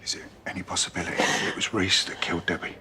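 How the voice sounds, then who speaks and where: A man's voice: deep voice, completely flat delivery, very fast, bright, forceful tone, a little hiss or hum. An actor playing a blunt, matter-of-fact police officer who speaks to a suspect like a father.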